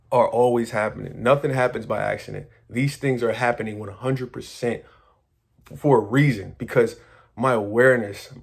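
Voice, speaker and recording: Man, mid-pitched, excitable casual storyteller; rambling, slangy, restarts often. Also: creaky, slightly rough. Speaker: manifestation coach.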